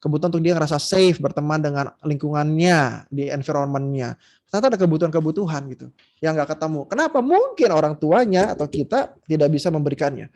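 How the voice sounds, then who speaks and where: A man who is a psychologist, giving an online seminar lecture, animated and acting out scolding parents' voices, with many fillers. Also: on the high side, fast talker. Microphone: video call.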